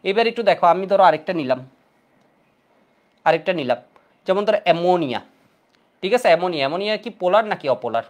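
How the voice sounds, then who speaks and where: A man's voice: high-pitched, lively intonation, fast, long pauses. A man with a Bangladeshi Bengali accent teaching chemistry in an online class, quizzing students with repeated questions.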